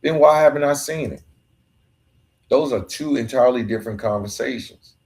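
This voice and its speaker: A podcast host delivers an earnest, emphatic solo motivational monologue in a colloquial style, now and then stumbling over his words. His mid-range, slightly mellow voice moves at a moderate pace, with slight background noise.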